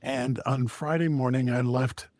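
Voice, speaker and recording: A man's voice: medium pitch, steady tone, unhurried, a little mellow, no echo. A man, a storyteller and co-host, talking casually in conversation.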